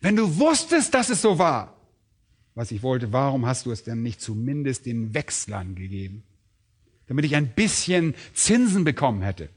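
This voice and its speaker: A man's voice: mid-range voice, big pitch swings, moderate pace. A man preaching an expository sermon in an emphatic, rhetorical way.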